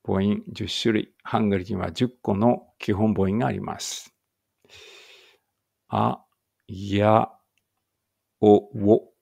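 Slow, gravelly man reading aloud. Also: lowish voice, steady tone, darkish tone. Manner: slow, careful reading with muttered asides to himself. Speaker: language teacher reading aloud. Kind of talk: reading a textbook aloud with asides.

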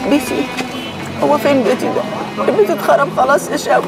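A woman's voice: high voice, fast talker, rough recording. An actress with an Egyptian accent playing a weary, complaining middle-aged mother left by her husband. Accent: Egyptian Arabic. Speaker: mother selling goods near a mosque. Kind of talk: Egyptian TV drama acting. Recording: loud music under the scene.

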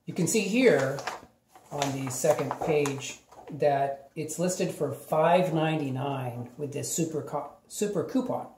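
A man's voice: a little high, a little slow, roomy sound, background noise. A man casually reviewing a tool bag for his channel, chatty and rambling with lots of fillers, recorded at a table indoors. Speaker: YouTube DIY reviewer.

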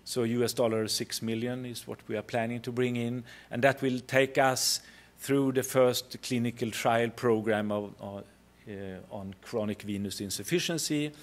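A middle-aged man with a Swedish accent gives a company pitch at a conference podium, speaking haltingly with frequent pauses. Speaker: company chief executive presenting. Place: conference hall stage at a podium.

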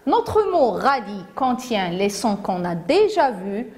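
A woman teacher with a Moroccan accent giving a phonics lesson to young children, saying each word slowly, syllable by syllable. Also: mid-range voice, big pitch swings, darkish tone. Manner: slow, deliberate, syllable by syllable. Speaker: primary school teacher.

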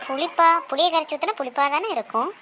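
A woman's voice: high-pitched, fast, a crowd in the background, lightly acted. A woman voicing an eager, cheeky young daughter-in-law who answers politely but boasts in a cartoon. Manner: obliging yet boastful. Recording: noisy recording with hiss.

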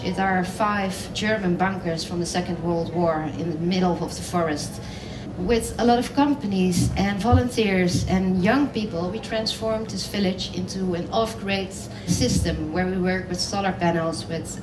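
A woman speaks on a panel in a large hall, her fairly low voice carrying with a roomy echo. She talks earnestly and pauses with fillers, picked up from a distance with audible background noise. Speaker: panellist designer. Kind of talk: panel talk on stage. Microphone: headset.

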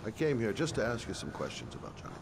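A man voicing a private detective in a video game, gently persuasive as he questions a witness. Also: fairly low pitch, huge pitch swings, fast, heavily acted. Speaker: game character. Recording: game audio with clear background noise.

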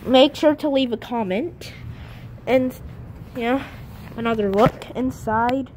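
The clip comes from a handheld camera carried by an amateur vlogger, so the outdoor sound is noisy. She has a high voice and gives slow, hesitant walk-around commentary through an empty parking lot, often drifting off before finishing a thought.

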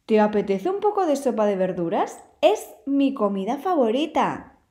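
A woman's voice: on the high side, sing-song, moderate pace, mellow. A woman voicing a grumpy, hungry old male wolf in a storybook reading, exclaiming and grumbling in a fretful way. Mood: tender.

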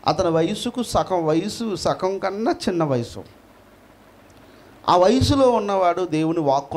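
A man with a Telugu accent delivers a sermon in a lively, fairly high voice. His pitch climbs sharply on key words and then falls low and quiet. He asks his listeners questions again and again. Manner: dramatic, swings between loud emphasis and quiet drops, asks the crowd questions. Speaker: preacher.

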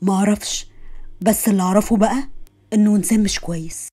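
A woman with an Egyptian accent voicing a scheming young man who woos softly with coaxing flattery. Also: medium pitch, fairly quick, slightly rough, pitched below the performer's own voice, close to an everyday voice. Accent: Egyptian Arabic. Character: smooth, scheming young male suitor.

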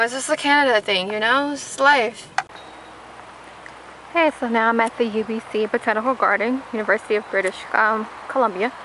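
A woman's voice: high-pitched, pushed and bright, rough recording. A young woman talking casually to her camera as a travel vlogger, chatty and full of "like" and "um". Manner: chatty, lots of "like" and "um". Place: outdoors in gardens and in a car. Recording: camera audio with clear outdoor noise.

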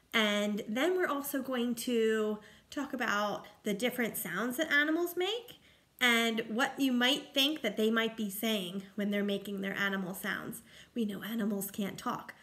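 A woman in her thirties reads a picture book to young children the way a teacher would, her voice a little high. She's expressive and sing-song, stopping now and then to ask simple questions.

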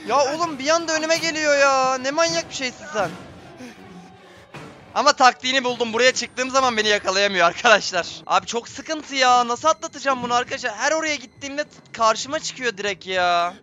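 A man's voice: very high voice, fairly quick, pushed and bright, soft background music. A man giving tense, jumpy live commentary on a horror game, talking straight to his viewers. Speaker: gameplay streamer.

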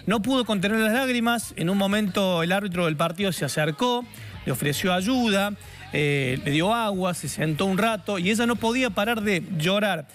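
A middle-aged Argentine man anchors a live news bulletin in a high-pitched voice. He speaks with an Argentine accent and sometimes halts to find his words. Faint music plays underneath. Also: lively intonation, normal speed, fairly bright tone. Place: indoor TV news studio.

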